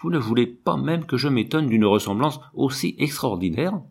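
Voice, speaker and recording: A man's voice: mid-range voice, expressive, normal speed, creaky, husky, voice pushed up. Man voicing a gracious polite widow. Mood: earnest. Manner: courteous, earnest.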